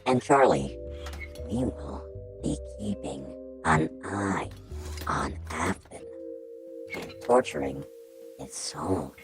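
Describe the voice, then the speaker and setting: A vengeful ghostly animatronic bear speaks in an unnaturally deep voice. Every word drags slowly with wide rises and falls in pitch. The grim cartoon spirit sounds menacing and otherworldly. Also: sing-song, vocal fry, music in the background, full character voice. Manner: slow, heavily lowered, drawn-out delivery. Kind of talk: fan animation voice acting.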